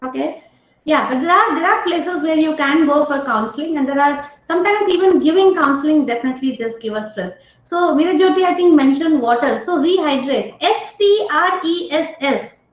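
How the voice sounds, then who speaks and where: Woman trainer, high voice, keeps asking the group "right?", roomy and dull call audio. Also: brisk. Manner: engaging, often checks in with "right?" and questions to participants. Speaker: stress management trainer. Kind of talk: online training lecture.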